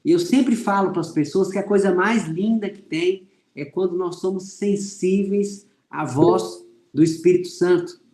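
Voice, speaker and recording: Earnest high-voiced Brazilian man teaching. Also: measured pace, darkish tone, roomy sound. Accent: Brazilian Portuguese. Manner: earnest, speaks to viewers as "irmãos". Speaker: religious teacher. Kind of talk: online Bible class with personal testimony.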